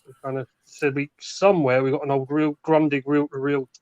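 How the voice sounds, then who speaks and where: A man's voice: on the high side, flat delivery, brisk, a little mellow, no room sound, highs cut off. Chatty man, rambling on a call. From North East England. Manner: rambling with many fillers and restarts. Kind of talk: casual chat.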